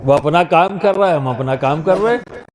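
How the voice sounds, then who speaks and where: A man with an expressive voice on the high side preaches to a large gathering, asking rhetorical questions and coaxing the crowd to answer aloud. The venue is echoey and the crowd is loud.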